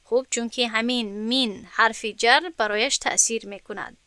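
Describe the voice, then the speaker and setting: A woman's voice: on the high side, fairly even intonation, sharp tone, smooth, no echo, studio quality. A woman with a Tajik-influenced Persian accent teaching an Arabic grammar lesson, explaining step by step and checking whether her students understood.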